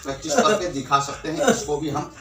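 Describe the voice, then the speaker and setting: Indian man, party magician showman, magic tutorial patter, echoey room, music clearly behind. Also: a little high, very animated, a little fast, recorded from a distance. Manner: showman-like, like a party magician, addressing viewers as friends. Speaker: magician demonstrating and selling magic tricks. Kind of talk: magic tutorial patter with counting and nonsense magic words.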